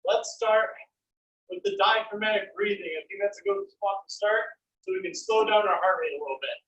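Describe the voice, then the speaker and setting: Casting: gym coach type leading a gentle rehab exercise class, encouraging and directive, heard from a distance in a roomy space. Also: mid-range voice, fairly quick. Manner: encouraging gym coach, calling out counts and urging effort. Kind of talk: coaching a stroke rehab workout. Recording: roomy, distant mic with faint noise.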